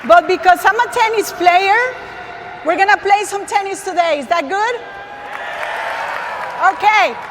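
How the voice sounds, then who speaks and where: A woman from Costa Rica calls out to a big audience as she delivers a fervent testimony of faith from an arena stage, her Costa Rican Spanish accent clear. She speaks a little slowly in a very high voice, leaving long pauses. The background is noisy, with long hall reverb and faint ambience.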